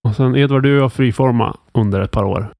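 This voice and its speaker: Gravelly Swedish-speaking podcast host, dry sound. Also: male voice, medium pitch, no echo. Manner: relaxed, thinks aloud with frequent fillers. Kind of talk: casual podcast chat about tabletop roleplaying.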